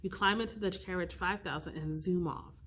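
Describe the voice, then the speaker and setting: A woman reading an interactive storybook aloud, expressive and stopping to pick the story's path. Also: on the low side, a little fast. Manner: expressive, with slips and restarts, rolling dice for choices. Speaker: youth librarian reading aloud.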